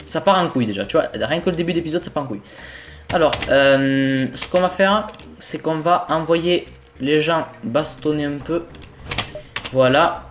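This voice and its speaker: Talking to himself as he plays, a young man with a cold swears and grows exasperated whenever things go wrong in his casual let's-play commentary for a gaming video. His voice is a little high, his pace moderate, with a slight hiss or hum in the audio.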